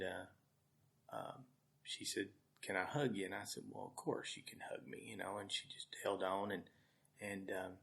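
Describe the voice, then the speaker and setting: A man's voice: low-pitched, gravelly, fairly bright tone. A man from Arkansas, a guest telling heartfelt, rambling stories and often repeating his words. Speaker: guest, food charity volunteer. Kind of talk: storytelling in conversation.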